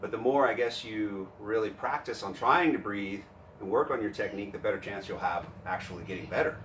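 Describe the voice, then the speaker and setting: A man explaining jiu-jitsu technique in casual instructional chat, animated and quick to act out a struggling grappler. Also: slight background noise. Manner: animated, acts out panicked grappler in higher voice. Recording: roomy, distant mic with faint gym ambience.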